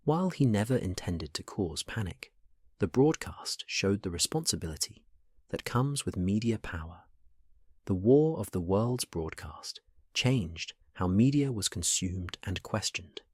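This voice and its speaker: A man's voice: lowish voice, expressive, unhurried, darkish tone, slightly rough, no echo, clean studio sound. A man narrating a documentary in a dramatic, scripted style. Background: music.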